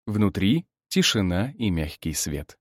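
Guy reading an audiobook in first person, mid voice, really animated delivery, dry sound. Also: low voice, unhurried, no echo. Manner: expressive, lively storytelling with voiced characters. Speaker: narrator. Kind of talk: audiobook narration.

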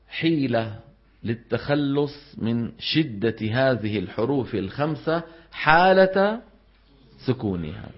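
A man teaching Quran recitation as a classroom lecture, explaining step by step and often asking his students questions. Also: medium pitch. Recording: dull lo-fi recording.

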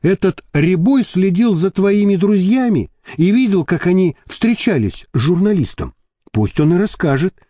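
A man's voice: high-pitched, animated, normal speed, warm tone, no room sound, voice pushed up. A man reading an audiobook, voicing a defensive, indignant small-time crook.

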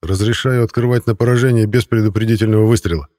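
A man's voice: on the low side, quick pace, mellow, no room sound, studio quality, lightly acted. A man reading a stern police colonel. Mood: strict. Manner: stern and reproachful.

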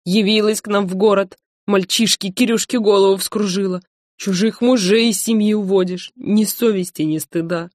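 A woman reading an audiobook voices a bitter, aggrieved older wife who speaks loudly and scornfully. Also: medium pitch, fairly even intonation, moderate pace, no room sound, clean studio sound, natural voice. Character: bitter aging wife, tearful then threatening.

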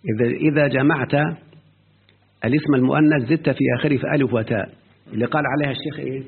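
A man with an Egyptian Arabic accent, speaking in a slightly rough mid-range voice with fairly even intonation, runs a grammar lesson. He often questions his student as he goes and stretches out his quoting, and the recording has a tinny, phone-like lo-fi sound.

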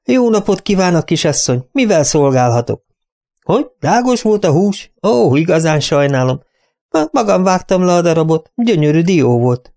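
A man's voice: on the high side, big pitch swings, vocal fry, darkish tone, pitched above the performer's own voice. Man doing a fawning village butcher. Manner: eager, fawning.

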